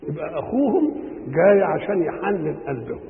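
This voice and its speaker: A man with an Egyptian Arabic accent teaches scripture in a high, gravelly voice. He poses questions to his listeners and answers them himself. The sound is tinny and phone-like, with a long echo from a big hall. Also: very animated, fairly quick, slight background noise. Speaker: Quran teacher. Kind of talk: explaining scripture to an audience.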